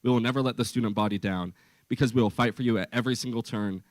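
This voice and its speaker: A young man, a student candidate, giving a forceful, impassioned debate speech built on rhetorical repetition. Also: mid-range voice, fairly even intonation, very fast. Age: young adult.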